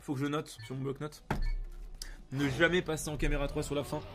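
A man streaming live gameplay, commenting excitably, often swearing and yelling at the game. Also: a little high, fairly quick, music in the background.

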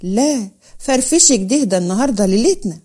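A man's voice: very high-pitched, expressive, fairly quick, mellow, breathy edge, exaggerated voice. A woman voicing a smug, crude young bridegroom who speaks in a cocky, teasing way in a told story.

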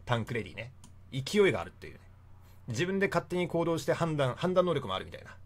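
Man in his young adult years, relaxed and talkative as a history explainer, lively up-and-down delivery. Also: on the high side, fast talker. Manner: chatty, laughs often between points. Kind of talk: casual history lecture.

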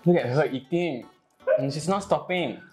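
A man's voice: a little high, normal speed, a little mellow. A man with a Malaysian English accent hosting a casual food-tasting video, teasing his co-host and complaining dramatically about the spice. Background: faint background music.

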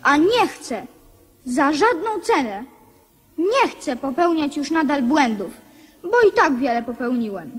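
In a radio-drama style, a young boy king makes solemn declarations in a high voice with animated intonation. He sounds earnest and resolute, speaking at a measured pace.

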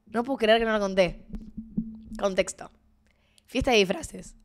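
A woman's voice: mid-range voice, a little slow, slight background noise. A young woman with a Rioplatense Spanish accent, chatting casually with her stream viewers and telling a story with laughter and sudden exclamations.

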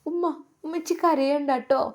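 A woman voicing a remorseful young mother who cries softly and pleads with her children, in a Malappuram accent. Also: high-pitched, steady tone, moderate pace, pitched above the performer's own voice, natural voice. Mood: tearful pleading. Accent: Malappuram Malayalam. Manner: soft, pleading, tearful. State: crying.

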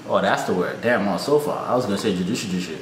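Racing along in a lowish, expressive voice, this young Trinidadian-accented man banters with a video he's watching in a small room. His commentary is casual and playful, full of fake exasperation and retorts aimed at the screen. Faint hiss and echo fill the recording.

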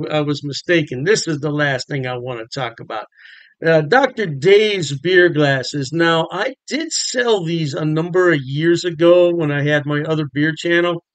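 This older American beer vlogger talks to the camera about beer from his home bar room, folksy and full of enthusiasm. He has a fairly high pitch and a fairly bright tone, with no room sound and low recording quality.

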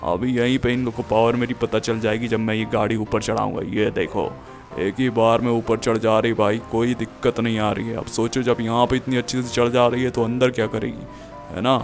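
A man's voice: mid-range voice, little pitch movement, fairly quick, gravelly, faint music behind, natural voice. A man voicing an arrogant, bragging male superhero in a game voiceover. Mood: boastful threat. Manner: bragging, threatening, then screaming for help. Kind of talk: game voiceover role-play.

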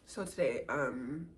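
A vlogger talking to the camera while fighting back tears, speaking haltingly with many pauses and fillers, and sometimes dropping into a whisper. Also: mid-range voice, slight background noise. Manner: drops into soft whispers at times. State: tearful, holding back crying. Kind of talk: personal vlog, talking to camera.

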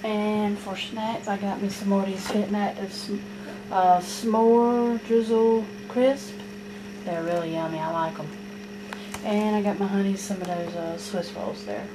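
Unhurried and steady, a woman of medium pitch narrates her grocery haul from her kitchen table, going item by item with frequent ums. The casual video is shot on a handheld camera looking down at the table, and the home recording has clear noise.

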